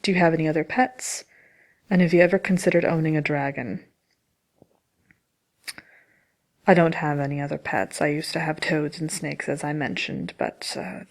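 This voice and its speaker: A woman's voice: low voice, creaky. A woman voicing a haughty, mischievous wicked witch in an in-character ASMR question-and-answer chat, sly, theatrical and dryly self-important. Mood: dry, matter-of-fact.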